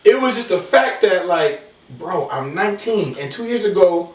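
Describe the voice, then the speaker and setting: A man's voice: high voice, lively intonation, moderate pace. A man in his thirties, a podcast guest in casual chat, earnest and repeating himself as he talks. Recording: echoey room, mic at a distance.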